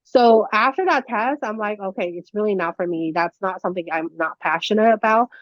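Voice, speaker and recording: This young teacher from Taiwan, whose native tongue is Mandarin, talks fairly quickly in a medium-pitched voice. Her casual lesson is chatty and full of fillers and restarts, captured over a dull, lo-fi video call with no echo.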